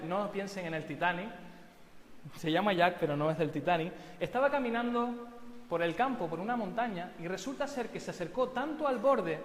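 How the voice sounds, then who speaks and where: A man's voice: high voice, fairly bright tone. A male pastor giving a sermon, telling a story with joking asides. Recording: echoey church hall.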